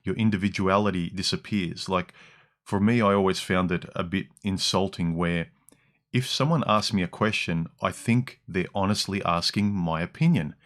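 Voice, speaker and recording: A man with an Australian accent hosts a casual livestream, reading comments into a dynamic broadcast mic at a moderate pace. His deep voice is a bit bright, with some harshness in the mids and lows. He rambles, with frequent ums and restarts.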